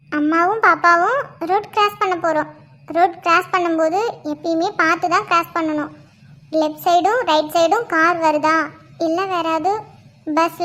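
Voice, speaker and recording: A very high, tender pregnant cartoon wife. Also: female voice. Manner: soft, coaxing talk to her unborn baby. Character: gentle young pregnant wife, tender and anxious. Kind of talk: cartoon voice acting.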